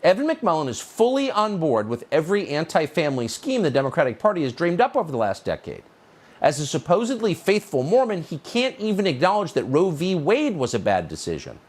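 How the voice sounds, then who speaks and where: A middle-aged male news host with a lively pitch that swings up and down as he mocks and needles. He delivers his opinion monologue with sarcastic incredulity. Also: brisk.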